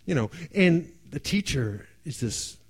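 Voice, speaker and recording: A man telling a personal story in an animated way, acting out voices and laughing often. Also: a little high, unhurried.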